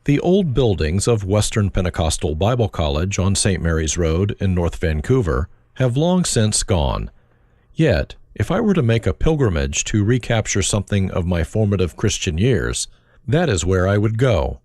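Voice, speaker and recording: A man's voice: lowish voice, very animated, moderate pace, a little mellow, no room sound. An older man with a German accent, reading his autobiography aloud in a reflective tone with dry wit. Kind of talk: autobiographical narration.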